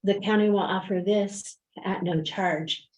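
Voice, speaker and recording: Woman, transit staffer; slow, halting board report with lots of ums. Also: mid-range voice, steady tone, darkish tone, low-quality recording. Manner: hesitant, many fillers and restarts. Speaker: transit district staff member.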